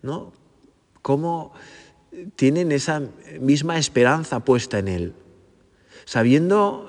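A man giving a gentle, prayerful sermon, often repeating phrases and asking his listeners for agreement. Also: mid-range voice, long reverb tail. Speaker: priest. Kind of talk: meditative sermon.

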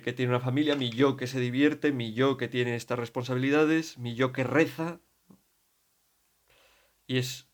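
A priest in his thirties with a Spain Spanish accent gives a spoken meditation in an everyday, chatty way. He wanders off on asides and often corrects himself mid-sentence. His voice sits at a middle pitch. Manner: conversational, digressive, self-correcting.

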